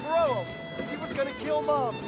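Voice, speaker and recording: A panicked traitor begging. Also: male voice, very high voice, brisk. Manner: pleading, frantic. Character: panicked male traitor begging for his life. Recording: distant game audio with loud music.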